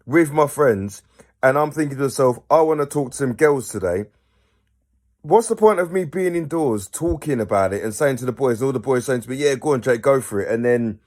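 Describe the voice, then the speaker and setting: A young man, hosting a football fan channel and ranting to camera with animated rhetorical questions. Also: mid-range voice. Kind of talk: pre-match fan rant to camera.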